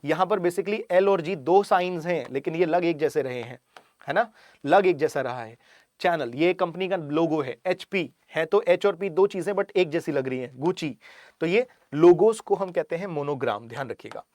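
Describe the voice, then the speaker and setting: Male vocab teacher, slightly high voice, dry mic, slow English examples. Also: darkish tone, no room sound. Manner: explains in Hindi, reads English examples slowly. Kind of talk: online exam-prep vocabulary lesson.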